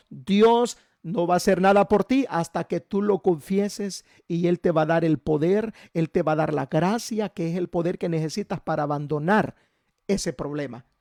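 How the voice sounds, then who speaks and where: A man's voice: sits high, a little mellow, no echo, clean studio sound. A man preaching a sermon as pastor, telling folksy stories and asking "¿verdad?" again and again.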